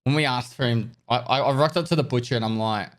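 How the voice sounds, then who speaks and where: Australian guy on a livestream headset mic, laid-back streamer voice, halting and easygoing. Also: mid-range voice. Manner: relaxed, trailing off with hesitations while thanking viewers. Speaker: gaming streamer. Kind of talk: casual livestream chat while gaming.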